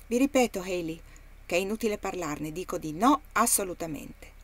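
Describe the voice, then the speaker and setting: A woman's voice: fairly low pitch, animated, moderate pace. A woman voicing a reluctant male plantation owner in an audiobook reading, refusing firmly and curtly. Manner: firm, curt refusals.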